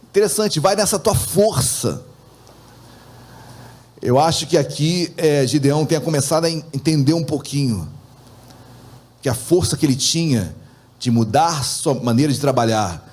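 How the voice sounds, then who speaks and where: High-voiced pastor preaching expressively. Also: male voice, moderate pace, darkish tone, slightly rough. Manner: preaching with frequent asides to the congregation; acts out quoted dialogue with shifted intonation. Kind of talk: sermon.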